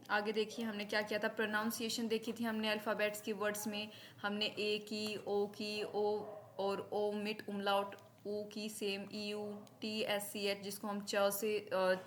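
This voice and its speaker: A woman's voice: mid-range voice, fairly bright tone, slight background noise. A woman recording a German language lecture, steadily recapping letters and numbers and sounding each one out.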